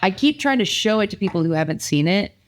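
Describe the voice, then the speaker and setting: A woman's voice: medium pitch, lively intonation, fast talker, a little hiss or hum. A woman from the southeastern United States chatting casually as a guest taster, playful, folksy and blunt. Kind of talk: casual chat.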